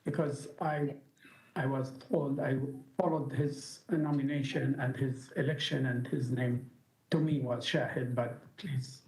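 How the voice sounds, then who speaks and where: A man's voice: medium pitch, fairly even intonation, unhurried, darkish tone. A male journalist asking questions at a press briefing, earnest and insistent. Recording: roomy echoey sound.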